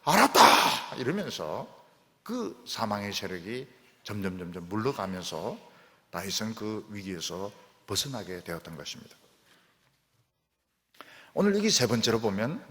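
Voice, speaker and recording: A man preaching a sermon as a pastor, in an animated, dramatic storytelling manner, with long church hall reverb. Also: on the low side. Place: church sanctuary.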